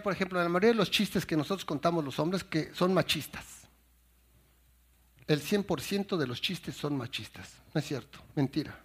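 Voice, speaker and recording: A man's voice: a little high, fairly bright tone, husky. A man doing a stand-up comedy routine on stage, telling stories animatedly and acting out the characters' lines. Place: stage before a laughing audience.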